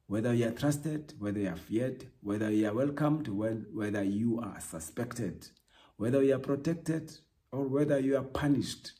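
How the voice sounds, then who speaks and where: Measured man, mellow voice. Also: mid-range voice. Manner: measured, emphatic, repetitive rhetorical lines. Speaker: podcast host. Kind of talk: reflective spoken essay.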